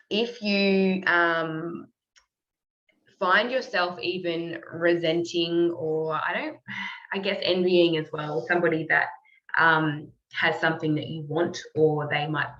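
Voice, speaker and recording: Woman host, deep voice, chatty motivational coach, filler-heavy, muffled online audio. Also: fairly even intonation, takes it slowly, bright, forceful tone. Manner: rambling, many fillers and self-corrections. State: clearing her throat. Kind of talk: casual motivational talk. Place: call or online meeting.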